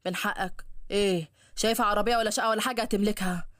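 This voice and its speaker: A woman voicing a stern, gruff father defending his daughter, with an Egyptian accent. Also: medium pitch, fairly even intonation, fast, a bit bright, pitched below the performer's own voice, lightly acted. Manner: gruff and scolding. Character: stern protective older father.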